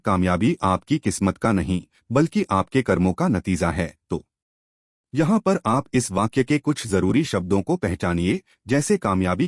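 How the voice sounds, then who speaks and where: A man with a low, husky, slightly mellow voice narrates a book summary, speaking directly to the listener and explaining things through questions. His pitch rises and falls freely, and the recording is dry and close with no room sound.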